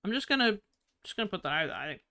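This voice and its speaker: A woman streamer chatting live with her viewers in a bubbly, giggly, excitable way while playing games. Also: mid-range voice, racing. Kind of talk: live gaming stream chat.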